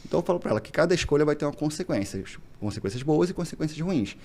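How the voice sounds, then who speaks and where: A Brazilian man talks quickly in a gravelly voice, chatting casually as an interview guest. He tells his stories with energy and slips into the voices of the people in them. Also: a little high. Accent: Brazilian Portuguese. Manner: animated storyteller, acts out dialogue. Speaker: podcast guest, single father.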